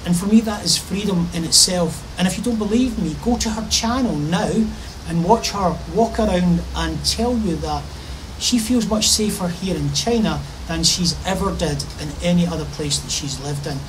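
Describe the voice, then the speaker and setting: A middle-aged vlogger with a high voice talks to camera from a covered pavilion in a park, enthusiastic and casual, gesturing with his hands. He speaks at normal speed, and the poor audio has a little hiss or hum.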